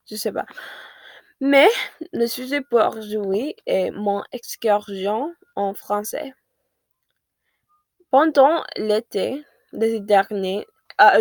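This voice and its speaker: Slow-paced, hesitant teenage American woman. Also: mid-range voice, darkish tone, no room sound. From United States. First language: English. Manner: hesitant, searching for words and correcting herself. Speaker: vlogger. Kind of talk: casual chat to viewers in a second language.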